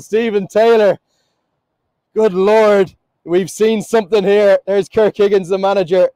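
A man calling a cricket match live from the commentary box, building to excited shouts at the big moments. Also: high voice, no room sound, rough recording.

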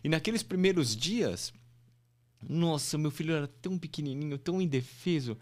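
A man's voice: on the high side, normal speed. A man, a podcast guest telling a heartfelt story in a casual, emotional way. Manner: animated, emotional, repeats "meu" and "pô".

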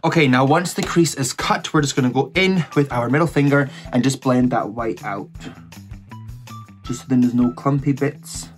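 A man's voice: mid-range voice, normal speed. A young man with a camp, gossipy, slangy manner, chatting through a makeup tutorial as a drag queen. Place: small indoor setup before a cloth backdrop. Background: background music.

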